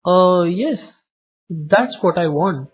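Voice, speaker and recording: A man's voice: high voice, animated, takes it slowly, breathy edge, heavily acted, low-quality recording. A man playing a scheming customer buying a robot, speaking hesitantly in a business-like way.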